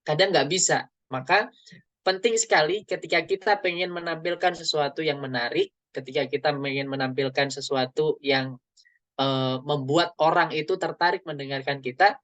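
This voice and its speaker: A man, a public speaking trainer giving a webinar talk and explaining step by step, often tagging his phrases with a soft "gitu ya". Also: fairly high pitch, no room sound.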